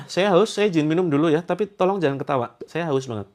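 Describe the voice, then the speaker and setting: Slightly hoarse guy hosting a live ruqyah stream, chatty with viewers, then slow solemn prayers. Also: fairly high pitch. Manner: relaxed and joking in talk, slow and solemn in prayer; addresses viewers directly and asks them to repeat after him. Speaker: ruqyah leader. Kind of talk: live-streamed religious session and guided prayer.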